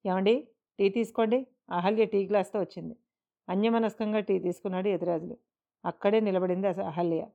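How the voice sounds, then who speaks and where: Woman reading a story aloud, warm low tone, muffled sound. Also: fairly even intonation, brisk, vocal fry. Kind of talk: scripted story narration. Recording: dull lo-fi recording.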